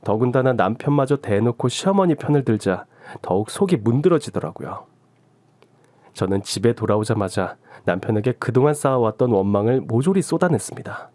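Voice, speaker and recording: A man's voice: medium pitch, lively intonation, brisk, a little mellow, no echo. A man narrating a first-person story for a radio drama channel.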